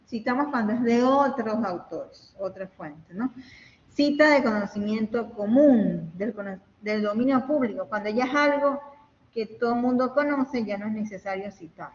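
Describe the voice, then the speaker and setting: A woman's voice: a little high, normal speed. A woman lecturer giving an online class, explaining step by step and checking in with her students, her voice carrying a hall-like echo. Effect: echoing, hall-like reverb. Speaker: university lecturer. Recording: echoey, dull audio with faint hiss.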